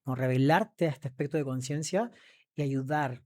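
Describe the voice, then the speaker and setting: A podcast host from Chile, speaking at a moderate pace in a medium-pitched, darkish voice, leads a conversational interview. He's effusive and emphatic and frequently turns to address the audience.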